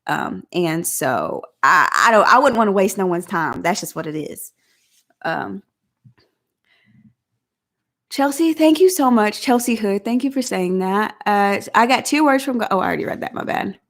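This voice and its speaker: A woman's voice: mid-range voice, very animated, moderate pace, a bit bright. Chatty woman with a country drawl. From Southeast Oklahoma. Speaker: vlog host. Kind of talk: casual live chat.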